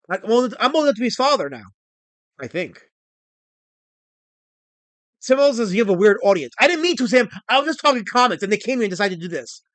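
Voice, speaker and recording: A man in his forties hosting a casual livestream, excitable and rambling as he reads chat messages aloud. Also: sits high, dry recording. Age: 40s. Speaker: livestream host.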